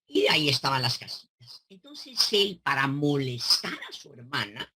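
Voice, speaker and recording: Woman therapist, animated delivery, bright, a bit husky, lots of rhetorical questions. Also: rumbling low, normal speed. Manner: animated, teaching through examples and rhetorical questions. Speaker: psychoanalyst. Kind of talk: explaining to a caller on a talk show.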